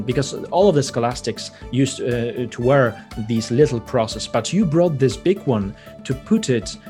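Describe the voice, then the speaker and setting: A male interviewer asks his questions slowly and earnestly, with many small pauses and fillers. His voice sits at a middle pitch, and faint music plays behind him. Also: a little mellow. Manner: slow, earnest, with frequent uh fillers. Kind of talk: conversational interview.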